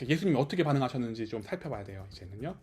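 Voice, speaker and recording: A man's voice: medium pitch, lively intonation, very fast, darkish tone, husky. A man preaching as pastor at a small house-church service, talking it through with the listeners and often checking that they follow. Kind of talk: conversational sermon.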